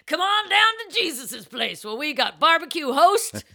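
A woman voicing a brash male restaurant pitchman in a mock radio ad, with loud hard-sell patter. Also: very animated, normal speed, creaky, exaggerated voice. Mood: hyped.

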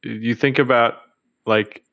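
A man hosting a casual interview, encouraging and quick with short affirmations. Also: mid-range voice, steady tone, creaky. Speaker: interview host. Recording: dull lo-fi audio.

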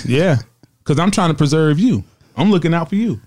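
A man with a deep Southern US accent, bantering and teasing in a casual group debate. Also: sing-song, moderate pace, darkish tone. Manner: teasing, argumentative.

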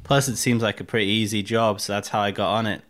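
Talking fast, a thirtyish man from Russia with a mixed Russian, American and English accent swears freely and leans on fillers while chatting openly as an interview guest. His voice sits on the low side, a bit bright, with little pitch movement.

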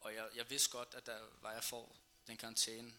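A male footballer speaking reflectively on a talk show, with a very flat intonation. His voice is very bright, and he halts and restarts as he talks. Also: medium pitch. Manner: reflective, halting. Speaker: guest, footballer. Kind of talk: casual talk show chat.

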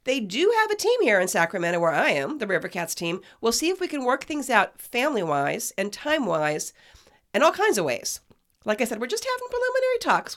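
A woman's voice: mid-range voice, a bit bright. A woman co-hosting a podcast, relaying baseball news in casual conversation. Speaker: podcast co-host.

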